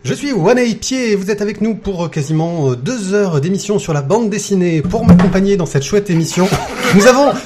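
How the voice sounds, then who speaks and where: A man hosts a laid-back comics podcast from behind the mic. His voice sits a bit high and moves around with lively pitch. He trips over fillers and throws in jokes as he goes. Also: brisk, hardly any pauses, slight background noise. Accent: non-native accent, mocked by cohosts. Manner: hesitant, many fillers, joking. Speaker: podcast host. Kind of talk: casual podcast chat.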